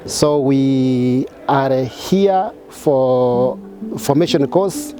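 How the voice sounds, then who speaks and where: Stumbling religious brother, music behind. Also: male voice, mid-range voice, very slow, mellow. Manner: stumbling, with restarts and "uh". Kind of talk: interview testimony.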